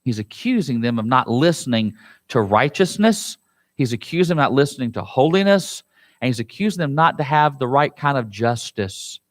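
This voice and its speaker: A man preaching a sermon as pastor, animated and dramatic, quoting scripture and asking the congregation questions. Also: on the high side. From United States. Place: church.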